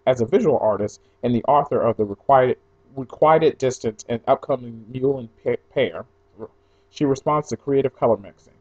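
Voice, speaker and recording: A man's voice: medium pitch, normal speed, a little mellow. Offhand young man, slightly dull recording. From New Jersey, mostly raised in Atlanta. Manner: offhand, wandering asides. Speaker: blogger recording an audio post. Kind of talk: casual solo chat, reading out a questionnaire.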